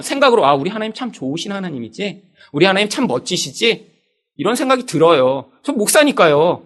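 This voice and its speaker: A man preaching a sermon from the pulpit with a high-pitched voice. His delivery swings widely up and down as he stresses points. He keeps turning to the congregation and acting out his own frustrated prayers. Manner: animated, emphatic preaching, often addressing the congregation; acts out his own past angry prayers in raised voice. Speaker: pastor.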